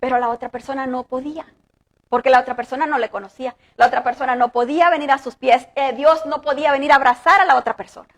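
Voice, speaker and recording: High-voiced woman pastor preaching earnestly. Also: steady tone. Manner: earnest, rises with emphasis, slows to read scripture. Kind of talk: sermon. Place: church.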